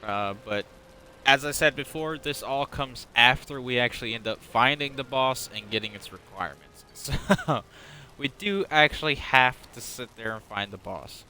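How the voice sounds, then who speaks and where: A man's voice: medium pitch, animated, moderate pace, sharp tone, slight background noise. A man giving casual, unrehearsed let's-play commentary, rambling, stumbling over words and swearing now and then. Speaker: gaming channel host.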